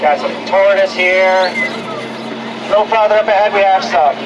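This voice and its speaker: A man with a high voice narrates a zoo train tour in an easy, joking announcer manner. His voice comes over an outdoor loudspeaker, heard from some distance. Vehicle and street noise sits clearly under it. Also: a little slow. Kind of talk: scripted tour narration with jokes.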